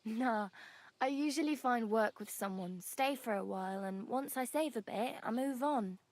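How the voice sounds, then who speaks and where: A woman's voice: on the high side, normal speed, darkish tone, no echo, close to an everyday voice. An actress playing a cheerful, chatty young female wanderer in a game. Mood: friendly. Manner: friendly, chatty, laughs easily.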